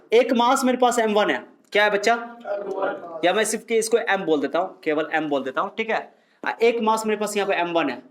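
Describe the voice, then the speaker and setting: A man's voice: sits high, slight background noise. A man teaching physics to a live class, explaining and quizzing students, mixing Hindi with English terms and scolding them to stop talking. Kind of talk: classroom lecture.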